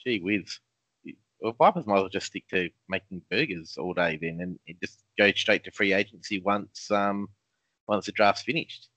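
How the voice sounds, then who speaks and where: A man's voice: low voice, moderate pace, fairly bright tone, dry recording. A man co-hosting a casual fantasy football chat, laid-back and jokey with lots of ums. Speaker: podcast co-host. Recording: dull lo-fi sound.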